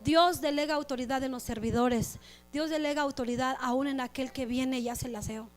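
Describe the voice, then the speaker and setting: High-voiced woman pastor preaching. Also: soft background music. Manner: lively preaching, acts out church members in quick asides. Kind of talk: sermon.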